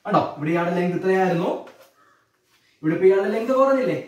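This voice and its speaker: A man with a Malayali accent teaching a physics lesson. He keeps asking his students questions and repeats the key terms slowly. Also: high-pitched, lively intonation. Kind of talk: classroom lecture. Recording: echoey room, mic a bit distant.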